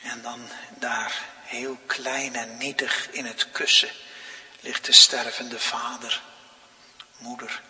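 Slow-preaching pastor in a hall. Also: male voice, mid-range voice, level tone. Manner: slow, dramatic swings from soft to loud. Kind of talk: sermon. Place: church. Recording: long reverb of a large hall.

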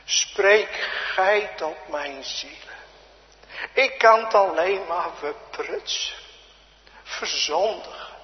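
Male pastor, high voice, very slow and swinging from loud cries to hushed murmurs, dull lo-fi church recording with long reverb. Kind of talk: sermon.

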